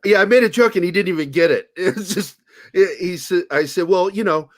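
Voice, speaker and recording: A man's voice: high-pitched, lively intonation, brisk. A man hosting a podcast in casual chat, joking crudely and laughing often. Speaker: podcast host.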